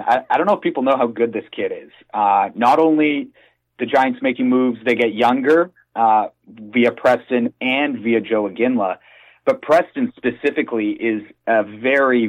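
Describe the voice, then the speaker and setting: A man's voice: mid-range voice, poor audio. A man, a hockey team's PR director, talking eagerly in a radio interview. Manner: enthusiastic, talks in bursts with fillers. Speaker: hockey team PR director and play-by-play announcer.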